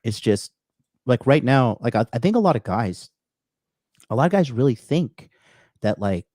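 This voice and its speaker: A podcast host in his thirties runs a casual livestream chat, brash and profane, rambling with plenty of fillers and restarts. His mid-range voice is very animated and a little mellow at normal speed. The studio-quality audio has no echo.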